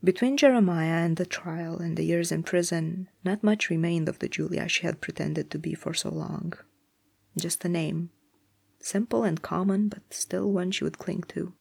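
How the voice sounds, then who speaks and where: A narrator reading a story aloud in a measured, even way. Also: mid-range voice, gravelly, slightly rough, no room sound.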